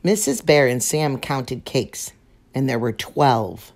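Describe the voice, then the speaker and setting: A woman reads a picture book aloud to children, unhurried, as a storyteller. Her voice is low for a woman, gentle and expressive.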